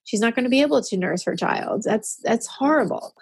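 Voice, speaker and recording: A woman's voice: on the high side, animated, fairly quick, vocal fry, husky. A woman in her forties talking openly and earnestly as an interview guest, emotional at times. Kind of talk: candid personal conversation.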